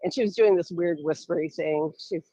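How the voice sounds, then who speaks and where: A woman's voice: on the low side, fairly quick, warm tone, no echo. Woman legislator speaking over the phone. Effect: heard over the phone. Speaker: state legislator calling in. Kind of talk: radio call-in interview. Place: travelling while calling in. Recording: dull phone-line sound, dry.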